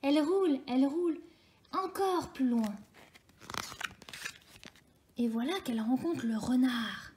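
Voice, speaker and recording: Lady reading a kids tale out loud, high voice, lively and expressive. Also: slow pace, pauses often, a little hiss or hum. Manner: lively, expressive read-aloud. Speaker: storyteller. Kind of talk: children's story reading.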